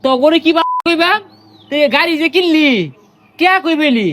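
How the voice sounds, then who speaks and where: A man's voice: extremely high pitch, steady tone, normal speed, fairly bright tone, slight background noise. A man with a playing a bossy, teasing village elder in a comedy sketch. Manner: teasing, bossy, breaks into folk songs. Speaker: comic village elder character. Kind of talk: rustic comedy sketch in dialect.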